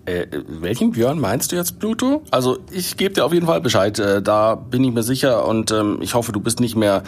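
A man's voice: lowish voice, animated, normal speed, slight background noise. A man hosting a children's radio show in a conversational, reassuring manner. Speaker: radio host.

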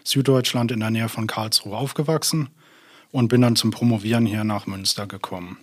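Young man, lowish voice, guest explaining research in a casual, hesitant interview. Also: steady tone, fairly quick. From Germany. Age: young adult. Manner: hesitant, many fillers, explaining. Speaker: guest, doctoral student.

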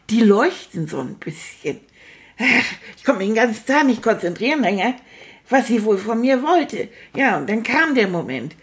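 A woman voicing a chatty, boastful male plush rat with felt teeth and a lisp, talking to children in a puppet show. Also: on the high side. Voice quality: lisping. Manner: cheerful, talkative, addresses kids directly.

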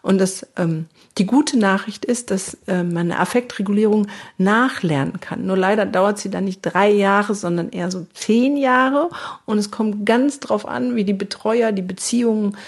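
A woman's voice: mid-range voice, fairly even intonation, normal speed, a little mellow, slightly rough. A woman who trains trauma therapists, explaining in an educational talk, speaking straight to the listener and sometimes acting out sing-song baby talk.

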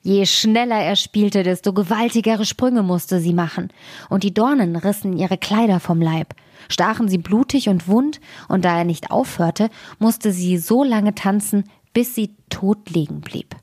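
A woman narrating a fairy tale aloud in measured storytelling, sometimes dropping to a whisper at grim moments. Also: medium pitch, darkish tone, dry recording, clean studio sound.

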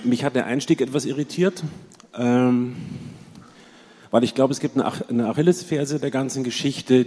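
Husky man asking from the floor. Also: medium pitch, a little mellow. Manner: long-winded, hesitant, with many fillers. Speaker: audience member asking a question. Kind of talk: question from the floor. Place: conference hall with audience. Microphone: handheld mic passed around. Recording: long hall reverb.

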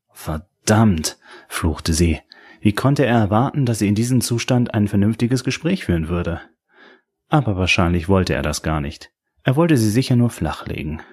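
Low, husky male audiobook narrator. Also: darkish tone.

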